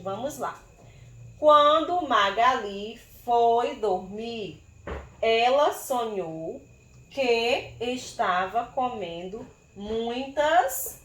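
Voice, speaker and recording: Her voice on the high side, a Brazilian Portuguese-accented woman teaches small children to write in a recorded remote lesson from an echoey room. As their primary school teacher, she spells slowly, syllable by syllable, and asks pupils questions by name.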